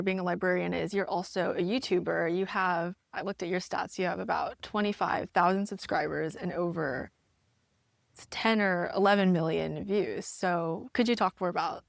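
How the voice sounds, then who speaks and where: Young woman with a gravelly voice. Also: fairly low pitch, moderate pace, no room sound, clean studio sound. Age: young adult. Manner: casual, many "like"s. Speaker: student podcast host. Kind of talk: interview questions.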